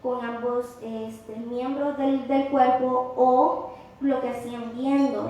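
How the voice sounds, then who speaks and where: High-voiced woman preaching in an echoey hall. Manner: impassioned preaching, rising to loud cries when quoting. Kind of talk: sermon. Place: church. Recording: very echoey church hall, faint noise.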